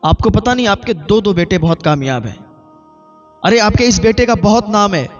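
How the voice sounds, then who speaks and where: A man's voice: high voice, expressive. A man voicing an angry, proud young doctor son within a sermon. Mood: indignant. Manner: angry, raised, scolding. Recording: dull lo-fi with faint music.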